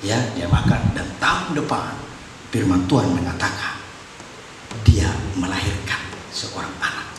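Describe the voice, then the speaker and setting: A male pastor preaching a sermon, emphatic, swinging between loud cries and hushed asides. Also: lowish voice, animated, unhurried, noisy background. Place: church. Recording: echoey church hall, far mic.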